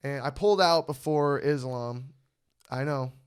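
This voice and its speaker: Excitable young man, smooth voice. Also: mid-range voice, measured pace. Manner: excited, profane sports fan talk. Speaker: podcast host. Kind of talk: casual chat.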